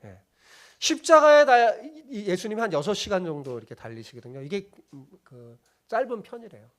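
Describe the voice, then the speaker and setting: Lively high-voiced Korean pastor preaching. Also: male voice, moderate pace. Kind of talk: sermon. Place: church sanctuary.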